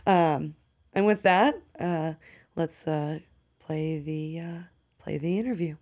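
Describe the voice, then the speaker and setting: A woman's voice: sits low, slow, darkish tone. A woman with a Kentucky accent hosting a casual podcast chat, chatty and rambling, laughing often. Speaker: podcast host.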